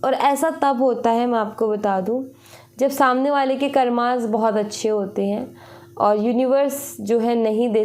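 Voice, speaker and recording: A young woman who reads tarot speaks in a slightly high, slightly mellow voice while reading cards for her viewers. Her talk is casual and instructive, often repeating points and mixing English words into her Hindi.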